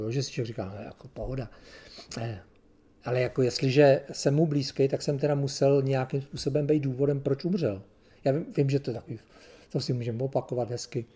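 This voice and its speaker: Man giving a confessional, conversational sermon. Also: medium pitch. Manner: conversational, confessional, swings between quiet asides and emphatic outbursts. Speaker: preacher. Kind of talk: informal sermon.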